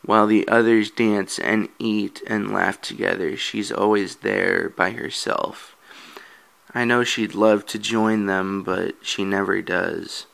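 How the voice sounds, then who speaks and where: A man voicing a shy young man who quietly admires a ghost girl, reading comic lines aloud. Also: on the low side, steady tone, slow, creaky, full character voice. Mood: wistful.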